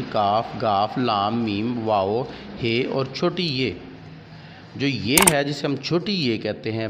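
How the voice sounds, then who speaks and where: Slow deliberate male teacher with an Urdu accent. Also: medium pitch. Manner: slow, deliberate, listing examples one by one. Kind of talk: grammar lesson. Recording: dull lo-fi audio with long reverb and faint background hiss.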